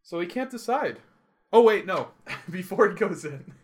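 A man's voice: sits high, lively intonation, moderate pace. A man from Canada co-hosting a casual podcast chat, joking and laughing easily as he rambles through a recap. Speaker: podcast co-host.

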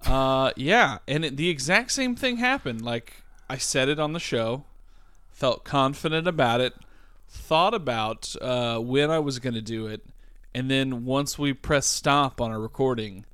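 Male co-host, groggy morning voice, smooth and resonant, close dry sound, wry self-deprecating humor. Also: medium pitch, lively intonation, measured pace, a bit bright, no room sound. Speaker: podcast co-host. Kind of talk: casual podcast chat.

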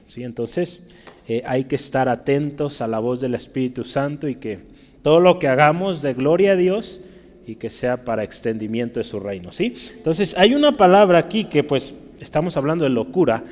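Male preacher, slightly high voice, teaching sermon, long hall reverb. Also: darkish tone. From Mexico. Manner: asks frequent tag questions, teaching tone.

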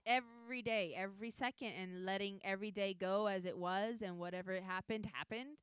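Very smooth-voiced woman, rambling chat. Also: mid-range voice, steady tone, fairly quick, dry recording. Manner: rambling, self-interrupting, swears casually. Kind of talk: casual chat.

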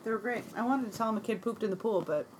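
A woman in casual conversation, telling an animated story and acting out what others said. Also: mid-range voice, racing, a little hiss or hum, poor audio. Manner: animated storyteller, acts out quotes. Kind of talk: casual chat.

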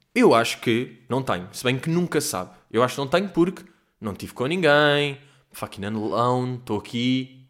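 A man with a European Portuguese accent hosting a solo comedy podcast from home, rambling and swearing, jumping between loud outbursts and low mutters. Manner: profane, digressive, mixes in English phrases. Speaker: podcast host. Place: at home in quarantine.

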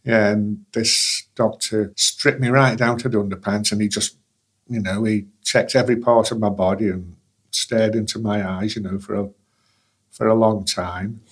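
Older guy, 60s, lowish voice, measured, restarts a bit, interview. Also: fairly even intonation, breathy edge. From England. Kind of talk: conversational interview.

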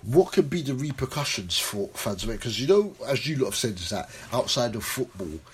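A man with a London accent and roadman slang, hosting a casual, animated football discussion. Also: mid-range voice, a little fast, husky. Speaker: host.

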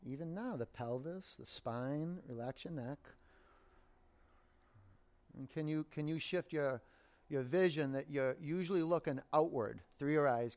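A man teaching yoga and meditation, giving guided instructions in unhurried short phrases with pauses between them. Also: fairly high pitch, a little mellow.

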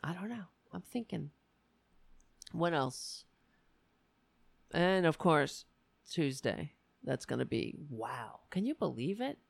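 A woman hosting a live stream, chatting casually and haltingly as if thinking aloud. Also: low voice, big pitch swings, vocal fry, husky, no echo. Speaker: host of a political live stream. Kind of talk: casual livestream chat.

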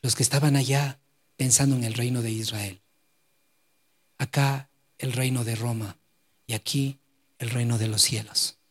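A pastor preaching a dramatic sermon, swinging from loud exclamations to hushed storytelling. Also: male voice, medium pitch, fairly even intonation, a little slow, pauses often, husky, long reverb tail.

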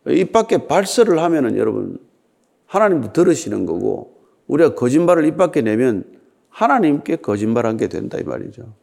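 Animated older male pastor preaching. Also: mid-range voice, a little fast, vocal fry. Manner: conversational preaching with rhetorical questions to the congregation. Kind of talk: sermon.

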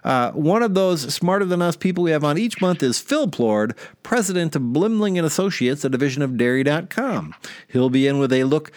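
A man's voice: a little high, expressive, brisk, dry recording, studio quality. A man hosting a podcast in casual chat, talking in a chatty, rambling way with fillers. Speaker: podcast host.

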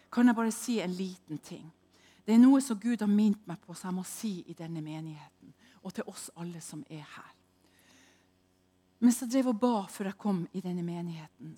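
A woman preaching a sermon, telling a personal story dramatically and moving between hushed and loud delivery. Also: on the low side, husky.

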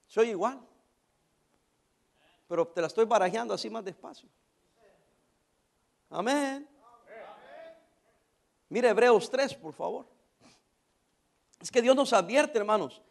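Man pastor with a really high voice, preaching hard, keeps asking the church questions. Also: animated, slow, vocal fry, pauses often. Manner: emphatic preaching, asks the congregation questions; drops in English phrases. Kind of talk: sermon.

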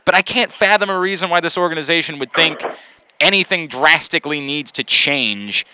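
A man's voice: a little high, moderate pace, pushed and bright, slight background noise. A man hosting sports radio in a casual, rambling way, repeating words as he thinks aloud. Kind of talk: casual, conversational sports talk. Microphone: close studio microphone.

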